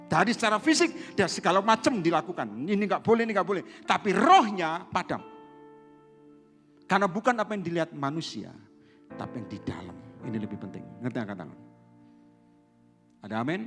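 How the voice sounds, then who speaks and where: A man preaching to his congregation with an animated, swinging delivery, often calling on them to answer. His voice sits a bit high. It rings out with a long church reverb and faint music beneath. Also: fairly quick, long pauses. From Indonesia. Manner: lively preaching, calls to the congregation. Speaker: pastor. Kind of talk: sermon.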